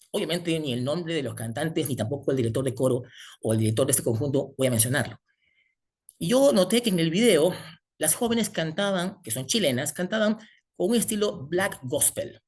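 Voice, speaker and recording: A man's voice: a little high, slightly rough. A man preaching a sermon, asking the congregation rhetorical questions as he teaches.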